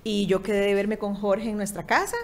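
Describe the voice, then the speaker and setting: A woman's voice: mid-range voice, level tone, fairly quick, a little hiss or hum. A woman in her thirties with a Costa Rican accent, a guest in an interview, telling a personal story and acting out the dialogue in it. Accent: Costa Rican Spanish. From Costa Rica.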